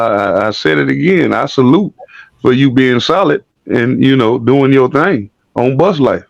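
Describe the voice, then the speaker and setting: A man's voice: medium pitch, creaky, no room sound, lo-fi sound. A man in casual online talk, blunt and profane, who often repeats words and restarts his sentences. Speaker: online talk show guest. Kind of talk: casual chat.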